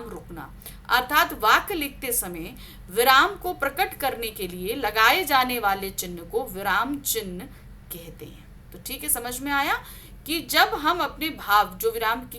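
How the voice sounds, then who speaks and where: A woman's voice: sits high, sharp tone, a little hiss or hum. A woman teaching a Hindi grammar lesson, often checking in with her listeners and acting out example sentences in different tones. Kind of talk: classroom-style lesson explanation.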